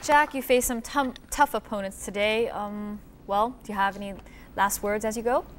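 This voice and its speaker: A woman's voice: mid-range voice, moderate pace, crowd noise, noisy background. A woman hosting a quiz show, addressing contestants and explaining answers.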